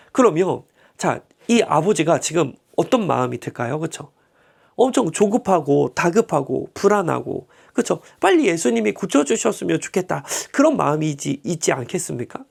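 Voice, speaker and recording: A man's voice: high-pitched, creaky, husky. A male pastor teaching a Bible class in a chatty, humorous way, often checking in with tag questions.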